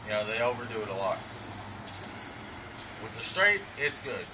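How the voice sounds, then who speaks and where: A man's voice: on the low side, big pitch swings, moderate pace. A young man doing a casual, unscripted vlog review outdoors, talking with his lip full of dipping tobacco. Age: young adult. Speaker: amateur product reviewer. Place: outdoors on front steps of a brick house. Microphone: camera several feet away. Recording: distant camera mic, clear background noise.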